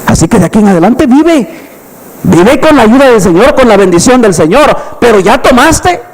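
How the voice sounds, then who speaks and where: A pastor delivers an emphatic evangelistic sermon and keeps putting questions to his listeners. His voice sits high for a man. The sound carries a long reverb, as in a large hall. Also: big pitch swings, normal speed. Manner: emphatic preaching with rhetorical questions to the congregation.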